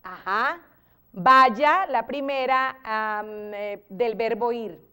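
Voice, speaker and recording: A woman teacher with a Venezuelan accent, patiently explaining grammar in a TV interview and acting out lively example sentences. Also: a little high, drawn-out words, smooth. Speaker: teacher guest.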